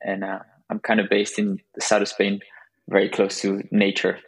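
A young man from Belgium speaks as a podcast guest, with a low-pitched voice. He talks easily and loosely, often restarting a phrase mid-sentence. The delivery is casual and unhurried. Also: husky, low-quality recording. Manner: relaxed, with frequent restarts and laughs. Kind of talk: conversational interview.

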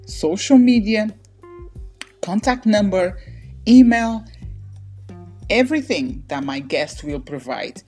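Slow-spoken, low-pitched woman podcast host. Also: darkish tone, breathy edge. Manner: upbeat, welcoming. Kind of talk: podcast interview.

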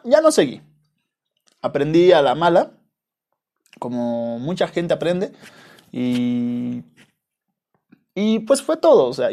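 A man's voice: medium pitch, creaky, warm tone. A young adult man with a Mexican accent, hosting a podcast and telling stories in a rambling, slangy, profane way. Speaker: podcast host. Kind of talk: casual monologue storytelling.

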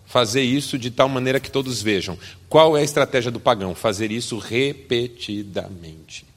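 Husky-voiced male preacher in a hall. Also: mid-range voice, moderate pace. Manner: rhetorical questions, rising emphatic delivery, wry asides. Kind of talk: sermon.

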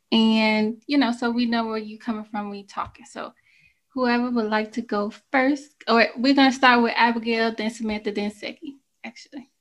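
A woman from the United States hosting a casual podcast conversation, chatty and relaxed, with easy fillers. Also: on the high side. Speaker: podcast host.

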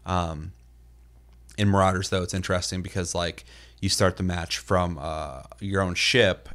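A man with a very low-pitched voice chats casually on a gaming podcast. His delivery is loose and rambling, padded with fillers and dotted with swearing. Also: a bit bright. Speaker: podcast co-host.

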